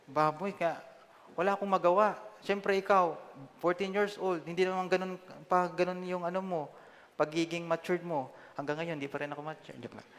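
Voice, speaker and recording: A man in his twenties from the Philippines giving a personal testimony sermon, conversational and self-deprecating, often pausing on fillers. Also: high voice, fairly even intonation, a bit bright, big-room sound. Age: 20s. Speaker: lay preacher.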